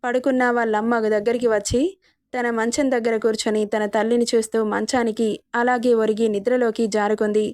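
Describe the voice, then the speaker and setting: A woman narrating a dramatic story in a steady, even reading voice. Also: a little high, a little fast, dry recording, clean studio sound.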